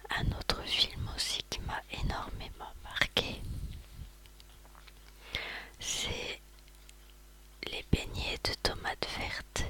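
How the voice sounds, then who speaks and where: Someone speaking in a soft ASMR library whisper, recounting things as a host in a halting way with pauses. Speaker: ASMR video host recounting favourite books and films.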